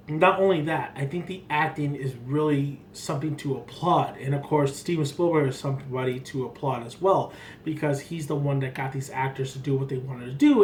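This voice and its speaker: Male film reviewer, slightly high voice, rambling and emphatic, off-the-cuff delivery, faint background noise. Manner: rambling, emphatic, repeats himself. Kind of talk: casual unscripted film review. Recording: clearly noisy background ambience.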